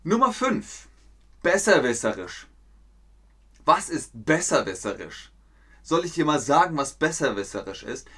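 A man's voice: a little high, sing-song, a little slow, pauses often, sharp tone, slightly rough. A man hosting a live-streamed German lesson, playful and talking to chat viewers by name. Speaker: German teacher hosting a livestream.

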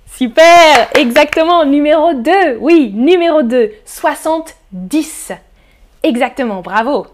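A woman teaching pronunciation in a live-stream lesson, saying words slowly and clearly, repeating drills and greeting viewers in the chat. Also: high-pitched. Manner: slow, deliberate pronunciation drills with repeated examples. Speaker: French teacher.

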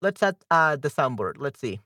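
Close to the microphone, a man hosting a livestream fixes his audio while chatting in a casual, hesitant, think-aloud way. His voice is a little high and bright, very animated and forceful, at a moderate pace, recorded dry.

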